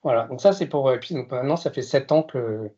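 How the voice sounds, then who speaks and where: A man's voice: mid-range voice, a little fast, mellow, highs cut off. A man in his fifties from France giving a presentation to an audience, with hesitant delivery, frequent filler sounds and self-deprecating humor. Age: 50s. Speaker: consultant giving a masterclass talk.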